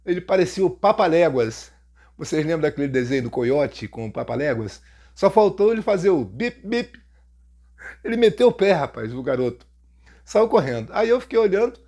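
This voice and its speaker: Mocking Brazilian man telling a story. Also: a little high. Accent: Brazilian Portuguese. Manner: mocking, jokey, animated telling. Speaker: storytelling YouTuber. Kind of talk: casual first-person storytelling.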